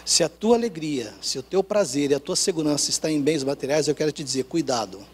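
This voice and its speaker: A man with a Brazilian Portuguese accent preaching a sermon, telling a personal story with acted dialogue and swinging from hushed lines to loud, rising ones. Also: on the high side, quick pace, husky. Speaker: pastor.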